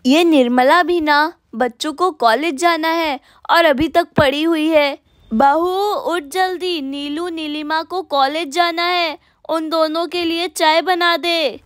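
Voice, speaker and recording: A woman's voice: extremely high pitch, steady tone, slow pace, fairly bright tone, no room sound, clean studio sound, heavily acted. A woman voicing a strict, fretful old grandmother who scolds her family. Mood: scolding. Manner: scolding, bossy.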